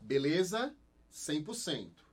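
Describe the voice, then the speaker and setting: A young Brazilian man with a lively, slightly high voice gives a recorded online class, asking the students questions and answering them himself. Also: slow pace. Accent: Brazilian Portuguese. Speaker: Portuguese teacher.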